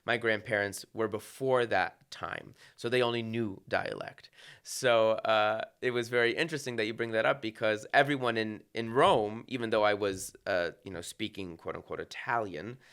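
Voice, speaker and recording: The podcast guest, a conductor, has a voice on the low side that sounds a bit bright, clear and resonant. He reflects as he talks, often restarting his sentences and using many fillers.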